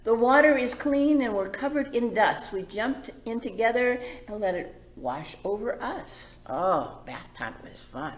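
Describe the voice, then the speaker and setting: A middle-aged librarian leads children's storytime, reading a picture book aloud and quizzing the little ones with simple questions. Her slightly high voice is expressive and measured, with few pauses. There's a roomy echo to the recording.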